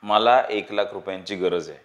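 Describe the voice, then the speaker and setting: A man's voice: lowish voice, moderate pace, natural voice. A man reading the part of a determined young man, earnest and firm.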